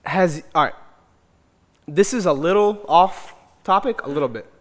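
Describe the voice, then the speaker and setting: A man's voice: fairly high pitch, a little slow, big-room sound. A young man co-hosting a casual sports podcast, emphatic and argumentative, repeating lines for effect. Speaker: podcast co-host.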